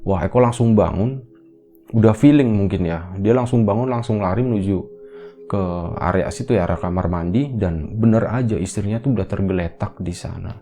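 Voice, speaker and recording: A man casually retelling a ghost story in a relaxed, conversational way, full of little fillers, with an Indonesian accent. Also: on the low side, moderate pace, soft background music. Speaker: horror storyteller.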